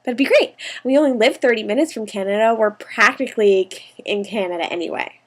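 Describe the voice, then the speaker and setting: A woman's voice: a little high, fairly quick. Chatty young American woman vlogging. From United States. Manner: chatty, rambling, with frequent ums and small laughs. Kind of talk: casual video diary. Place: at home.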